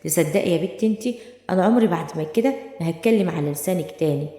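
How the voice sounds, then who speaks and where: A woman's voice: on the low side, rapid-fire, dark tone, close to an everyday voice. A woman voicing a weary, reproachful wife in an Egyptian Arabic accent, in an echoey room with long reverb.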